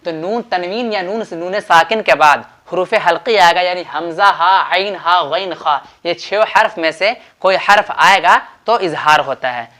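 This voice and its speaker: A man with an Urdu accent teaches Quran recitation rules in a bright, forceful voice. He explains patiently and repeats himself, stretching out sample words slowly and firing quiz questions at his students. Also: high-pitched. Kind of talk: tajweed lesson at a board.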